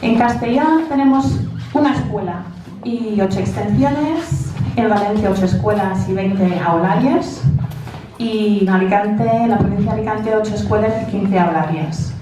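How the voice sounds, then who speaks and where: A woman with a non-native, English-speaking accent in Spanish gives an informal conference presentation as a teacher, haltingly searching for words. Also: mid-range voice. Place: large echoey indoor room. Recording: very echoey room, distant mic, faint noise.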